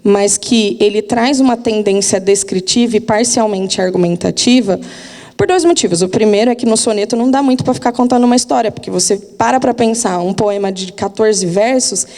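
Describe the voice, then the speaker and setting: A woman's voice: medium pitch, fairly quick, a little mellow, big-room sound. A literature teacher, giving a casual, chatty lesson and often asking her students if they are following. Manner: chatty, informal, asks listeners for agreement.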